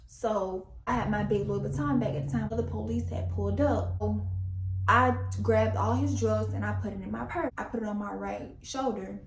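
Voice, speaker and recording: A woman's voice: mid-range voice, moderate pace, vocal fry, slight background noise. A young woman telling a story to her camera in a casual, slangy way, acting out what people said. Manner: animated, slangy, acts out quotes. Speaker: vlogger. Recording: echoey room.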